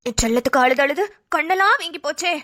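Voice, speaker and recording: A woman voicing a blunt, scolding elderly village mother in a cartoon, who talks in a loud, dramatic, nagging way. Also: high voice, expressive, fast, voice pushed down. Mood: doting. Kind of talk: cartoon voice acting.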